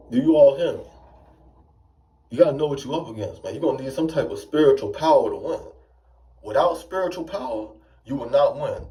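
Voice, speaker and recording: A man's voice: mid-range voice, dark tone, recorded from a distance, poor audio. A man giving an informal sermon, preaching in a conversational way and often asking "you see what I'm saying".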